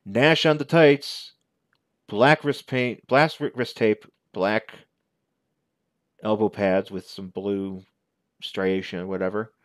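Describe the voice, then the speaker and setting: A man in his forties with a fairly low voice talks through a casual show-and-tell review. His delivery is conversational and halting, often doubling back to correct himself. The sound is close and dry, as from a headset at home. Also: steady tone, no room sound. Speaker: toy reviewer. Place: small living room at home.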